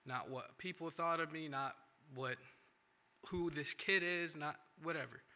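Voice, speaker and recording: A young man from India, non-native in English, shares his testimony at church with a bright voice pitched on the high side and a measured pace. He speaks earnestly yet rambles, restarting and adding "right?" tags, using a handheld or stand microphone.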